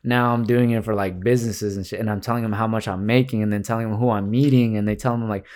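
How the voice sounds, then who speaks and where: A young man in casual conversation, telling stories animatedly, acting out quotes loudly and swearing freely. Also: lowish voice, fairly even intonation, fast talker. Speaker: guest, video editor. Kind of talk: casual podcast chat.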